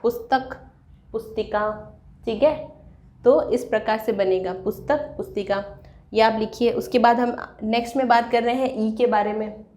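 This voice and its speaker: A woman's voice: fairly high pitch, fairly even intonation, normal speed, warm tone. A woman teaching a Hindi grammar lesson, explaining step by step and asking and answering her own questions. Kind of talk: classroom-style online lesson. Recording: echoey room.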